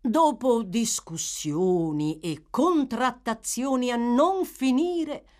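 A woman narrating a classic novel with a theatrical, expressive delivery. Her pitch moves lively through the sentences. A polished audiobook reading. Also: slow pace. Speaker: audiobook reader. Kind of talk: scripted literary narration.

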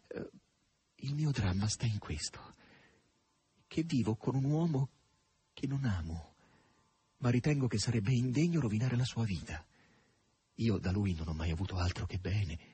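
A man's voice: medium pitch, lively intonation, moderate pace, long pauses, warm tone, breathy edge. A man voicing a troubled, desperate grown woman in an audiobook reading, pleading and agitated. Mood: rambling.

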